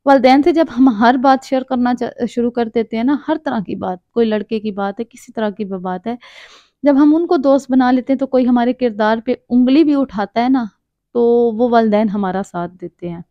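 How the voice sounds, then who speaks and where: A young woman from Pakistani Punjab, a storyteller and author, tells a personal story in an earnest, reflective manner, offering advice along the way. Her voice is fairly high, and the recording is dull, dry and lo-fi.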